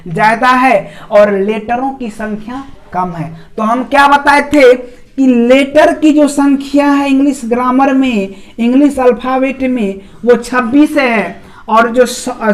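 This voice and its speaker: A man's voice: extremely high pitch, unhurried. A man with a Bihari Hindi accent teaching an English grammar lesson. He keeps asking rhetorical questions, answers them himself, and repeats examples syllable by syllable. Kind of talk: classroom video lecture.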